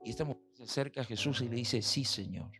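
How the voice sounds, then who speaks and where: A male pastor delivering a sermon, preaching emphatically with rhetorical questions and pauses. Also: medium pitch, fairly even intonation. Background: piano and keyboard music.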